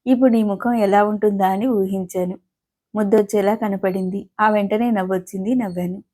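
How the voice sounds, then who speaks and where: A woman voicing a calm, witty, affectionate elder-sister figure who speaks softly and teases gently. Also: medium pitch, normal speed, lightly acted. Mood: gentle teasing. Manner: soft, gently teasing.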